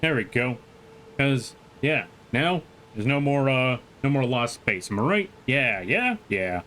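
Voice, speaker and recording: A man's voice: medium pitch, animated, unhurried, bright, forceful tone, a little hiss or hum. A man streaming a game live, chatting playfully, reading chat aloud and joking with the game as he plays. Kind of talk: live gameplay commentary.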